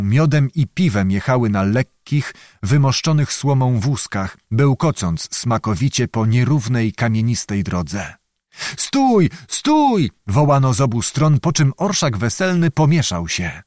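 Expressive male audiobook narrator. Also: medium pitch, moderate pace, hardly any pauses, no echo, studio quality. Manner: expressive storytelling.

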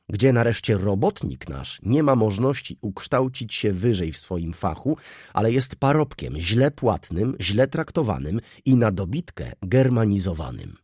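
Guy doing a calm confident merchant, measured and businesslike, husky low voice. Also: no echo, clean studio sound, heavily acted.

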